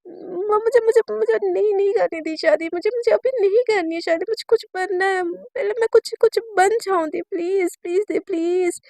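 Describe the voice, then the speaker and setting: Woman voicing a young teacher pleading, voice breaking, high-pitched, dry. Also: fairly even intonation, normal speed, vocal fry, mellow, dry recording.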